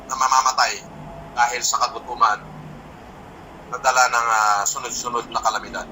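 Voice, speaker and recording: A man chatting on a video call, soft-spoken and jokey, dropping English phrases into his talk. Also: mid-range voice, flat delivery, moderate pace, background noise. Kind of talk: casual video call chat.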